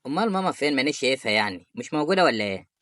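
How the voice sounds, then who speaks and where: A performer with an Egyptian Arabic accent voicing an affectionate, patient young husband in an animated story. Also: female voice, a bass voice, no room sound, clean studio sound, heavily acted. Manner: warm-hearted, rapid.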